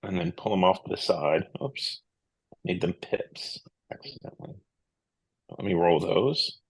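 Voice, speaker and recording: Husky, low-voiced male tabletop gamer. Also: unhurried, low-quality recording. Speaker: tabletop game player. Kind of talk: casual game chat.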